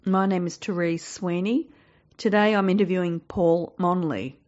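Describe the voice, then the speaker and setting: A woman's voice: lowish voice, steady tone, moderate pace, a little mellow. A woman conducting an oral history interview with short, plain questions. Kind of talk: interview questions and formal introduction. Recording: dull, lo-fi interview recording.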